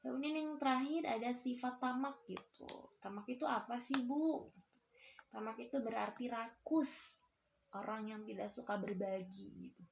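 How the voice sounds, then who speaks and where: A woman's voice: on the high side, normal speed, vocal fry, slight background noise. A young woman, a university student, giving a casual lesson and talking to her pupils as their teacher, with a chatty, explanatory manner and lots of filler tags. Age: young adult.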